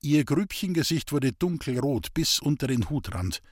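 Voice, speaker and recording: Expressive male narrator for classic fiction, slightly high, close and dry. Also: moderate pace, dry recording. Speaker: audiobook narrator. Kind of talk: scripted literary narration.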